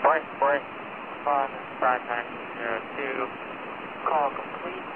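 A man speaking as a military radio operator in halting, procedural phrases over a crackly military radio link. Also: medium pitch, fairly even intonation. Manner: halting, deliberate call-sign phrasing. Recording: crackly narrowband radio, very loud static.

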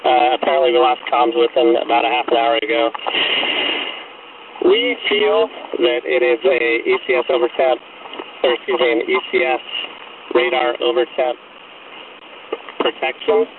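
A man, a military pilot in flight, talking over a helmet radio in calm, clipped, procedural radio talk. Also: mid-range voice, moderate pace, creaky, pauses often. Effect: helmet radio transmission. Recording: tinny radio link with static hiss.

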